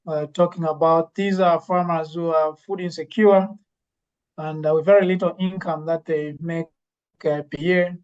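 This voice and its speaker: A woman gives a conference presentation as a university lecturer and plant breeder, pausing often on fillers and restarting her sentences. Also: deep voice, a little mellow. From Zambia. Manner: hesitant, many fillers and restarts. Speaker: university lecturer and legume breeder giving a talk. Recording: dull lo-fi recording.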